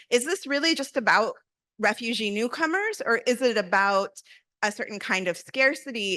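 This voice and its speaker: A woman's voice: mid-range voice, pushed and bright, dry recording. A young woman on a conference stage with a handheld mic, answering audience questions thoughtfully with a string of rhetorical questions. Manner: reflective, poses many rhetorical questions. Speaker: panelist. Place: large conference hall stage.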